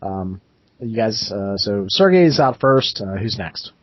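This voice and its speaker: Husky-voiced man running a tabletop game. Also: fairly low pitch, lively intonation, no room sound. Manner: halting narration with many fillers, laughs easily. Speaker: game master. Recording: dull lo-fi dry sound.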